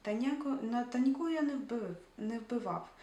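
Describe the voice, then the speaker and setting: A woman's voice: fairly high pitch, normal speed, dark tone, natural voice. A woman voicing a sheepish morgue attendant who protests and stumbles over his words in self-defense, read aloud from a book. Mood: defensive. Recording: roomy echo, distant mic, faint hiss.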